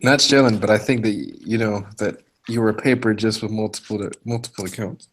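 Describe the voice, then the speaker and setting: A man's voice: fairly low pitch, normal speed. A man chatting casually on an online group call, hesitant and restarting his words, his voice muffled as if heard through a wall. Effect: muffled voice, as if through a wall or wrapped in a blanket. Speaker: participant in an online group voice chat. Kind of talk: casual chat. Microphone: own microphone on an online call.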